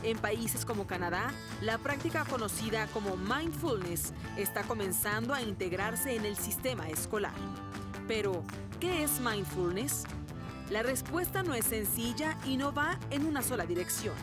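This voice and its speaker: A woman narrating a news report in a formal, even read-aloud delivery. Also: fairly high pitch, normal speed. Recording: voice-over over loud music bed.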